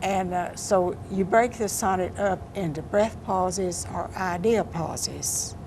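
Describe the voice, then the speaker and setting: Here an older woman, a poet being interviewed, talks casually about her work in a soft, unhurried manner with simple answers. Her pitch is a little low. Noticeable background hum fills the recording.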